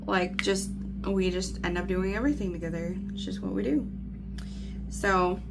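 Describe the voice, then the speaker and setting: Over loud music, a woman in her thirties talks in a gravelly, medium-pitched voice at normal speed. As a craft vlogger catching up with her audience, she wanders through a chatty story heavy with filler like "you know" and "like."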